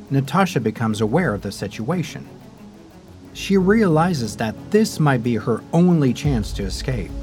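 A man giving scripted narration of a true-crime story in a measured, dramatic storytelling manner. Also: mid-range voice, darkish tone. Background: faint background music.

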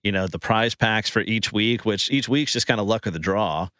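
Male podcast host, lowish voice, casual and halting, recording from inside a closet with no room echo. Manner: relaxed, repeats words while thinking.

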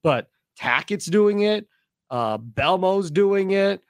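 A man's voice: sits high, takes it slowly, clear, resonant tone, no echo. A man from Milwaukee, co-hosting a bowling podcast in a casual, opinionated way and acting out quotes. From Milwaukee, USA. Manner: animated, opinionated, acts out quotes. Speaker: podcast co-host. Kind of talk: casual chat.

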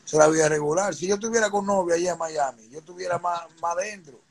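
A man's voice: high voice, fast talker, rough recording. A middle-aged man, chatting casually as a guest artist in an interview, laid-back and streetwise, often checking that he is understood. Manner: laid-back, streetwise, keeps asking "¿tú me entiendes?".

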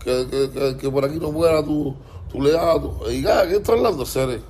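This man, who has a Cuban Spanish accent, goes on a casual ranting monologue, heated and repetitive, stumbling over words and swearing often. His voice is a little high and a little mellow, his pace is moderate, and there's slight background noise.

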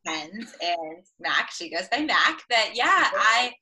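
Super bright bubbly sorority girl type, young woman w valley girl accent, gushy podcast chat. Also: mid-range voice, expressive, slow pace. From Los Angeles, California. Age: young adult. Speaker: podcast guest, ministry leader. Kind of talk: casual chat.

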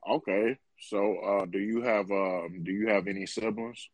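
A man hosting a podcast, asking loose, relaxed questions with many fillers in a casual interview. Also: fairly low pitch, unhurried, slight background noise, rough recording. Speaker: podcast host.

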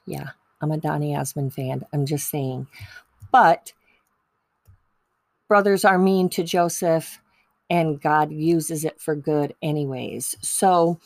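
Lady telling bible stories real casual, wanders off topic, fixes her words, low and slow. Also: darkish tone, dry recording. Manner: chatty, digressive, self-correcting. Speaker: speaker sharing Bible stories about mothers. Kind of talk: casual devotional talk.

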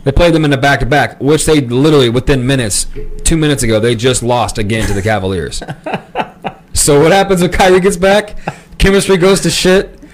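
A man's voice: mid-range voice, moderate pace, a little hiss or hum. A man co-hosting a sports comedy podcast, rambling in a laid-back way and laughing as he talks. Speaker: podcast co-host.

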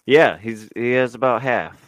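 There's slight background noise behind this podcast co-host, a man with a medium-pitched, unhurried voice. His casual chat rambles along with frequent fillers and restarts.

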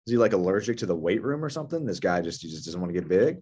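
A man co-hosting a sports podcast, chatting casually with dry quips and excitable fan cheering. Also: sits low, very fast, husky. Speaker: podcast co-host.

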